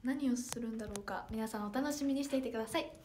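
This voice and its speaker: On a casual livestream, a 16-year-old Toyama girl talks fast in a fairly high voice against a noisy background. Speaking in her local Toyama dialect, she stays polite and reads out viewer comments, filling the gaps with plenty of fillers.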